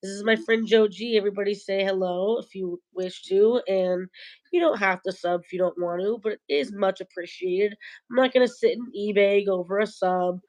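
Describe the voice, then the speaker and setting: Her voice is mid-range and darkish, with fairly even intonation and a moderate pace, as she livestreams late at night through her phone or tablet camera. A cold leaves her nasal and congested, and she rambles in a loose, faintly stoned way.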